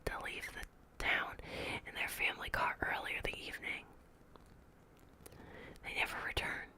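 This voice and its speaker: A woman reading a horror story as whispered ASMR, in a hushed, creeping, measured manner like someone giving an official report. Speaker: ASMR reader.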